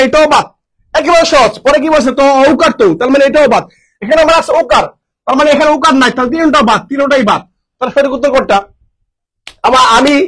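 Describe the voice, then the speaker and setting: A young male tutor with a very high voice runs an exam-prep lesson at a brisk clip. He asks his own questions, answers them at once and repeats each key word several times. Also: a bit bright, poor audio. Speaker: teacher.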